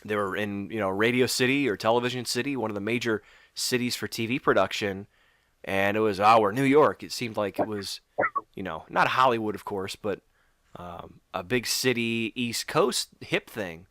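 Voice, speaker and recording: A casual podcast co-host is coming down with a cold and sounds sniffly, rambling and correcting himself as he goes and stopping to apologize. His voice is on the low side and a bit bright, at a normal speed, recorded on a podcast microphone with no echo.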